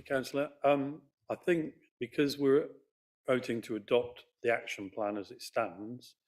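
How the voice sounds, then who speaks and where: A man serving as mayor, chairing a council meeting in a brisk, procedural way with a mildly wry touch. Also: lowish voice.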